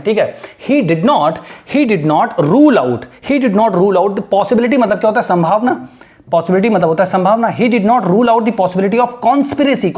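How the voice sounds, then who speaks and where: A man teaching, who explains English newspaper phrases in Hindi, asks questions and answers them himself, and reads the English words slowly with frequent check-ins. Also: high-pitched, darkish tone.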